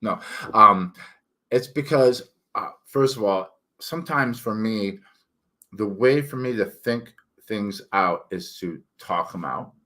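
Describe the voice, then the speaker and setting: A man's voice: on the low side, slow, pushed and bright. A middle-aged man with thick, slightly slurred, tongue-heavy articulation, giving a candid, rambling, self-deprecating monologue as an author hosting his own channel.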